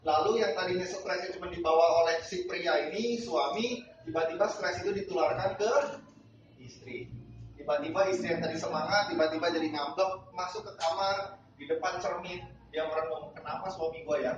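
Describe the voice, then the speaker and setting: A man preaching a sermon as a pastor, telling a story with animated acted-out voices. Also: high voice, normal speed. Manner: animated storytelling, acting out characters in raised voices. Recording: distant, echoey hall, muffled, noisy.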